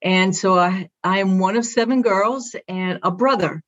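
In a conversational interview with lo-fi sound, a middle-aged Brooklyn-born guest describes her athletic director job with pride and an upbeat attitude, using short phrases. Her Brooklyn New York accent comes through a medium-pitched, fairly bright voice at a measured pace.

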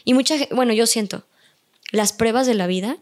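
Mexican woman guest on a podcast, kinda high voice, chatty, does the voices of people she quotes. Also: fairly quick, a little mellow. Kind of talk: casual podcast chat.

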